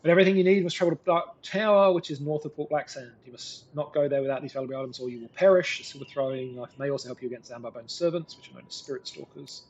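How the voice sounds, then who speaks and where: A man's voice: a little high, fast talker, few pauses, darkish tone, muffled recording, a little hiss or hum, lightly acted. A man reading out a stern old hermit wizard. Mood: grave. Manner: grave, instructive, warning.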